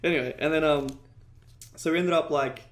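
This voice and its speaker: A man's voice: a little high, brisk. Brief: male guest, casual and rambling, curses freely, roomy echoey recording. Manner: rambling, heavy "like" fillers, frequent swearing. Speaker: podcast guest, ecommerce entrepreneur. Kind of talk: casual storytelling interview.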